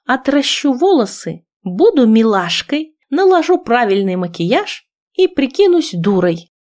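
A stubborn young heroine bursts out in a raised, insistent voice, as a woman reading the audiobook puts her on. She sounds restless and quick to protest. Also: fairly high pitch, big pitch swings, a little mellow. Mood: determined.

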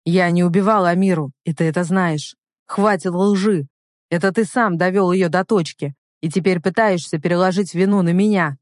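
A woman's voice: fairly low pitch, normal speed, no echo, studio quality, lightly acted. A woman voicing a hard, resolute male protector. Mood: cold resolve. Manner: hard, cold and firm.

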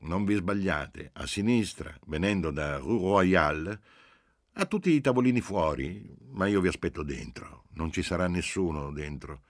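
A big, good-natured police agent, loud and chummy, as a man puts him on. He talks with a hearty, familiar cheer. The sound is close and dry. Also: low-pitched, expressive, moderate pace, no room sound. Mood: jovial. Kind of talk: audiobook reading.

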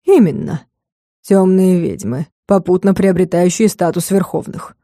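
A woman's voice: measured pace, mellow, dry recording, studio quality. A woman voicing a scheming, pompous male lord of hell in a storybook reading. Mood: smug. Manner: mocking, turns shrill and panicky.

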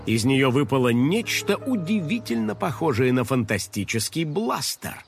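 A man narrating a children's story in a lively, playful way. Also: medium pitch, normal speed, vocal fry, faint music behind.

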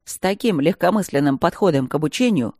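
A woman's voice: fairly low pitch, normal speed, darkish tone, no echo, lightly acted. A woman voicing a stern, cold male professor who lectures in a dry, cutting way. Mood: harsh.

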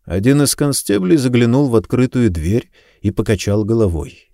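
A man reading an audiobook in a steady, measured scripted narration. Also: medium pitch, no echo, studio quality.

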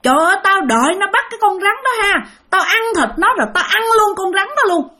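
A woman voicing a taunting pale demon that yells and jeers in a shrill voice, in a spoken ghost story. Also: expressive, quick pace, heavily acted. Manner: shrill, yelling and jeering.

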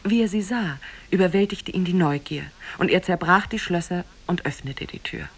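Woman narrator for a 1950s radio play: lowish voice, calm and measured. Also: husky. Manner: calm, measured storytelling, grave in tone. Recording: old tape, muffled radio play.

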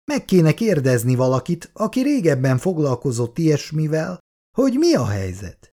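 A man's voice: a little high, huge pitch swings, mellow, voice pushed up. A man voicing a timid, wheedling older man who slips into sly bluster. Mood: pleading, sly.

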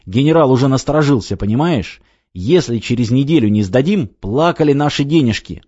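A man reading an audiobook, voicing a pushy, scheming male construction director who coaxes and urges loudly. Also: medium pitch, animated, fairly quick, breathy edge, dry recording, muffled recording, voice pushed up. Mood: urgent coaxing. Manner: coaxing, urgent, exclamatory.

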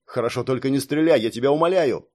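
A man's voice: medium pitch, quick pace, darkish tone, lightly acted. A man reading an audiobook and voicing a male bodyguard negotiating with a hostage-taker, firm and persuasive. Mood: pleading.

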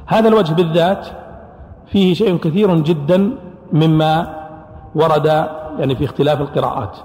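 A man's voice: a little high, fairly quick, dark tone. A man teaching as a scholar of Quran sciences in a classroom lecture, explaining points and posing questions he then answers himself. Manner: explanatory, asks and answers his own questions. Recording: echoey hall recording.

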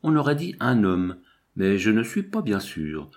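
A man's voice: fairly low pitch, sing-song, unhurried, darkish tone. A nervous night watchman, as a male narrator puts him on, his voice raised and shaky as he stammers out his words. A timid, storybook guard. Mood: frightened.

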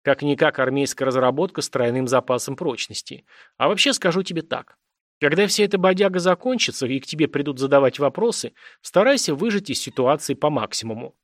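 A man's voice: a little high, expressive, a little fast, no echo, clean studio sound, natural voice. A man voicing a blunt, streetwise former army scout with a lightly mocking manner, read as an audiobook character. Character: ailing ex-army male scout, blunt and wry.

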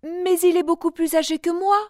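Anxious pleading young princess in a learners' storybook, voiced by a woman, high voice, dry sound. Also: little pitch movement, fairly quick, dry recording.

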